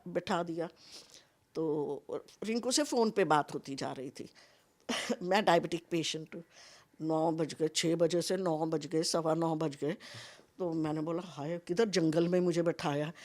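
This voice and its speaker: An older woman, mother of a contestant, chatting in an interview and acting out the dialogue of her stories. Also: fairly low pitch. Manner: chatty, expressive storyteller who acts out quoted dialogue. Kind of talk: casual interview chat mixing Hindi and English.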